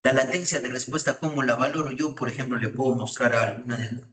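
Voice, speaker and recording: A man's voice: medium pitch, fairly even intonation, fast, a bit bright, recorded from a distance. Man lecturing in an echoey classroom. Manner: asks frequent checking questions to students. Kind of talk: university lecture on psychopathology. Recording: echoey room, voice off-mic.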